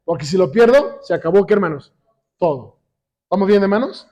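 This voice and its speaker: A man teaching a Bible lesson to a congregation, often pausing to quiz them with call-and-response questions and slowing down when he quotes scripture. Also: sits high, expressive, mellow, muffled recording. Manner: slows down when quoting scripture. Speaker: church teacher. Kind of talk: sermon-style Bible lesson.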